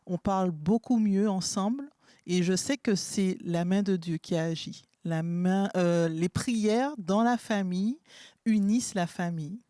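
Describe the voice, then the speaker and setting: Dark-voiced woman giving a testimony. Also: mid-range voice, unhurried, no room sound, studio quality. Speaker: guest. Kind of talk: sharing a prayer testimony.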